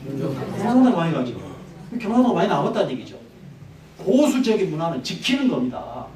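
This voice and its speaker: Male history lecturer, lively and pitch-swinging, quizzes the audience; echoey hall, slightly off-mic. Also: fairly quick, distant mic, crowd noise. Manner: conversational, poses questions to the audience.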